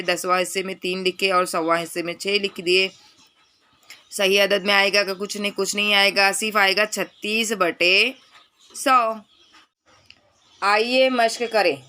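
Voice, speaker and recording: A woman teacher giving a maths lesson to children, explaining step by step, asking questions and repeating each number slowly. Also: medium pitch, pushed and bright, clear, resonant tone. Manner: patient, step-by-step explaining with frequent questions to pupils.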